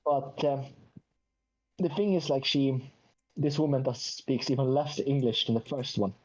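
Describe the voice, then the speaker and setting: A man's voice: medium pitch, unhurried. A man tells a meandering story in easygoing chat, throwing in self-deprecating jokes and imitating other people. His voice sits in an ordinary middle register. The recording sounds dull and lo-fi. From Sweden. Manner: rambling anecdote with self-mocking asides and quoted voices. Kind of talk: casual chat.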